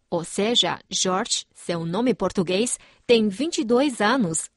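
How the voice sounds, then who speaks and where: A woman narrating a news report in an even, measured reading voice. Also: mid-range voice, no echo, studio quality.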